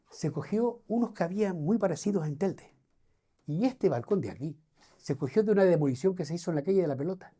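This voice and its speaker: Proud canarian old man telling his story to the crowd, as an actor plays him, dark husky voice. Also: mid-range voice, heavily acted. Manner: lively storyteller, addresses listeners directly. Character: proud older Canarian man recalling his life and music. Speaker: actor on a theatrical walking tour. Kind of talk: theatrical first-person storytelling.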